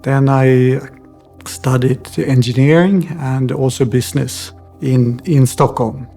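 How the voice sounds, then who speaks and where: A middle-aged man with a Swedish accent speaks slowly and haltingly, full of pauses and fillers. His voice is gravelly and mellow. Soft music plays faintly behind him. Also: medium pitch, steady tone. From Sweden. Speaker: guest. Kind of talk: personal interview.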